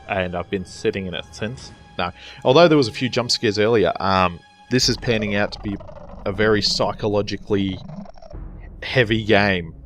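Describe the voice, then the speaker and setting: A man hosting a gaming video with casual gameplay commentary. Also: on the low side.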